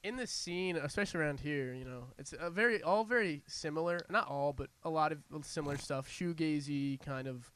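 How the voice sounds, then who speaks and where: A man's voice: on the high side, a little fast, hardly any pauses, a bit bright, smooth. A man hosting a casual college radio interview, hesitant and repeating words as he builds questions, often kidding. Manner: hesitant, repetitive phrasing, kidding.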